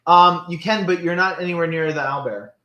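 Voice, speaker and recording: A man's voice: on the high side, brisk, pushed and bright. A man running a tabletop game as game master, talking casually to the players. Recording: echoey room, faint background noise.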